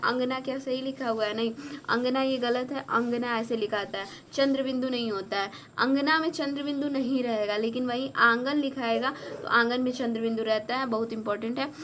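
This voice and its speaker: A woman tutoring exam students on spelling, going word by word slowly and repeating corrections. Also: fairly high pitch, fairly even intonation, fairly bright tone, slight background noise. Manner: slow, repetitive, correcting each word. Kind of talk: spelling lesson.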